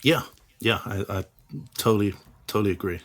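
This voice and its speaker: A man with a lowish voice speaks fairly quickly as an author and guest in a casual interview. He sounds hesitant, restarting often and using many fillers.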